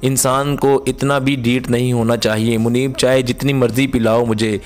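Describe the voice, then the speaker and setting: A playful young woman, voiced by a man narrating a storybook teases with warmth. The line stays flat and level in pitch. She jokes easily and means it kindly. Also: moderate pace, soft background music, close to an everyday voice. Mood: teasing. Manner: playful joking tone. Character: cheerful teasing young woman, warmhearted.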